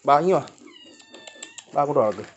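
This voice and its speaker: Cats meow as a vlogger summons them for feeding, alternating quick coaxing and scolding in casual pet talk. The voice sits mid-range, animated, at a moderate pace, and the recording is dull and lo-fi with faint noise.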